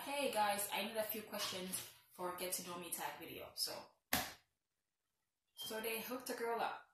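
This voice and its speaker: A young woman from Haiti, speaking with a Haitian accent, chats playfully in a casual get-to-know-me vlog, teasing herself with self-mocking asides. Her mid-range voice is a bit bright, with slight background noise. The room is very echoey and she's a bit far from the mic.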